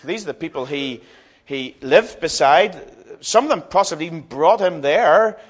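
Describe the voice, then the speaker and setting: A man's voice: fairly high pitch, expressive, measured pace, husky. A man preaching a sermon in a dramatic, emphatic way, repeating phrases for stress and speaking to his listeners directly.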